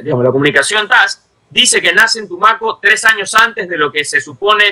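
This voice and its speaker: A man's voice: high-pitched, lively intonation, moderate pace, bright, forceful tone, rough recording. A man, a journalist from Ecuador, arguing insistently in a heated football debate, pressing points with repeated rhetorical questions. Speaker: journalist panelist.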